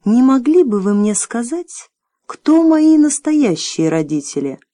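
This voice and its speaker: A woman voicing a brave young boy hero who speaks calmly, firmly and politely in an audiobook. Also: fairly high pitch, measured pace, no room sound, studio quality, voice pushed up. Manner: calm, firm and polite. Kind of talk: audiobook character voice.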